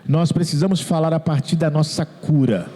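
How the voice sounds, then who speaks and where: A man's voice: on the high side, moderate pace, warm tone, a little hiss or hum. A man, preaching a sermon as pastor, earnest and repeating his phrases, quoting people in their own words. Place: church hall. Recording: long hall reverb.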